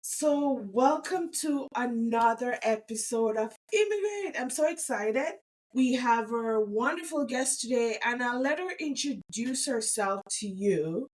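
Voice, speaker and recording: A woman hosting a podcast interview, who opens with a slow, earnest welcome and a spoken prayer, then asks quick, eager questions. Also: fairly high pitch, expressive, soft background music. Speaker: podcast host.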